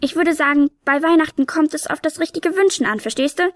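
A woman's voice: high voice, no echo, clean studio sound, pitched above the performer's own voice, lightly acted. A woman doing a tiny cheeky Nicholas helper. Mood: hurried, breezy. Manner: cheeky, chatty and hurried.

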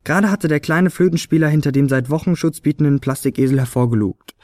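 A man narrating a children's Christmas story in a lively, expressive reading. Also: a little high, fast, dry recording, studio quality.

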